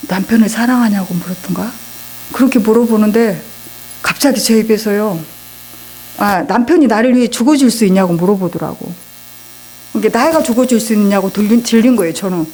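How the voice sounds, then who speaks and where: A woman's voice: mid-range voice, fairly quick, darkish tone, slightly rough, low-quality recording. A middle-aged woman, a church deaconess, telling her religious testimony to a congregation in an earnest storytelling manner. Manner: earnest storytelling, acting out her own and God's words.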